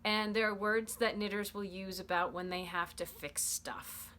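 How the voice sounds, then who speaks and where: A woman's voice: medium pitch, fairly even intonation, moderate pace, sharp tone. Woman, knitting teacher, casual home tutorial, chatty, playful, repeats herself.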